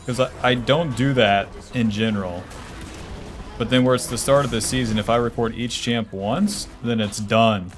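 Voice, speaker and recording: This is casual livestream chatter from a man in his twenties playing a game, medium-pitched and at an ordinary speed. He's blunt and relaxed, cursing freely while answering questions from chat out loud.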